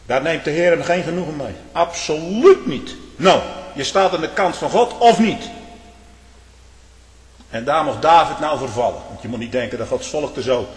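A man preaching a fiery sermon, swinging between low, muttered asides and loud, scolding outbursts, with rhetorical questions thrown at the congregation. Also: lively intonation, normal speed. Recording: echoey hall with long reverb.

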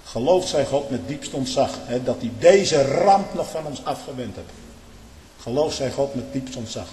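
A man preaching in an impassioned, emphatic way, jumping from loud outbursts to low, muttered asides. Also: animated, moderate pace, slight background noise. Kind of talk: impassioned sermon-style monologue. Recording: echoey hall with long reverb.

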